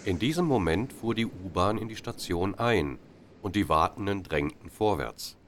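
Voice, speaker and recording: A man reading a story aloud with expressive, dramatic narration. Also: low-pitched, moderate pace, a little hiss or hum.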